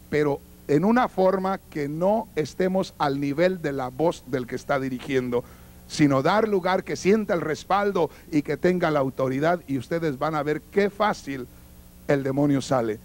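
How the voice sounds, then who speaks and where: A man's voice: fairly high pitch, a little mellow. A man, a pastor, giving an earnest teaching sermon and addressing the congregation directly. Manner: acts out quoted voices in his teaching.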